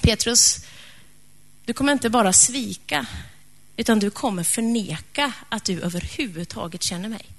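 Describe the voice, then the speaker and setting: A woman voicing a calm, wise adult male teacher who speaks in a measured way. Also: a little high, big-room sound. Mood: knowing.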